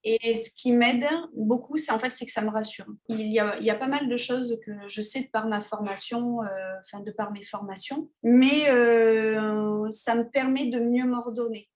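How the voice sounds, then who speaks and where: A woman's voice: on the high side, steady tone, moderate pace, a little mellow. A woman photographer talking casually as an interview guest, hesitant, with many fillers and restarts. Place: Tahiti.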